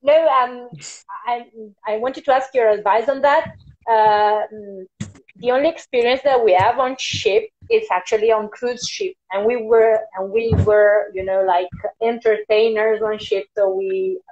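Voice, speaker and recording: A woman's voice: on the high side, a little slow, a little mellow, muffled recording. A woman in her thirties interviewing in a friendly, casual way. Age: 30s. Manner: friendly, laughs often.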